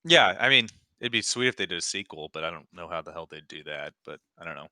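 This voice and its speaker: Bright, crisp young man chatting. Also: low-pitched, expressive, quick pace. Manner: rambling, searches for names, swears casually. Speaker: podcast co-host. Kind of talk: casual chat.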